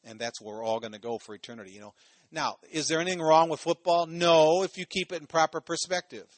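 Man preaching, from Ohio, rather high voice, dry close sound, chatty asides, repeats phrases. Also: fast, dry recording. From Ohio, USA. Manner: conversational, full of "you know" asides, repeats phrases for emphasis. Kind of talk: sermon.

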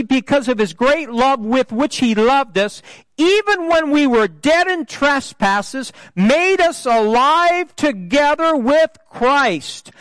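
A man pastor preaching a sermon with call-and-response, emphatic, swelling louder and higher on key phrases. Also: clean tone, no echo.

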